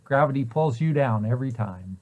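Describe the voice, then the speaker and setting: A preschool site director reads a children's picture book aloud, posing questions and answering them in storytelling fashion for young listeners. His medium-pitched voice has a darkish tone and lively intonation, and he reads a little fast.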